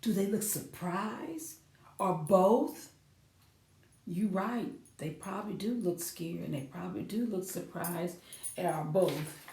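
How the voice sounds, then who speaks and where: A woman with a fairly low, darkish, expressive voice speaks slowly as a children's librarian running storytime. She reads aloud, sings along, and explains things simply, asking young listeners questions, in an echoey room.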